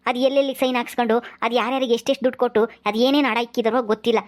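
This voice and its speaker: A woman's voice: on the high side, steady tone, racing, natural voice. A woman playing a troubled young husband who pleads earnestly. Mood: pleading.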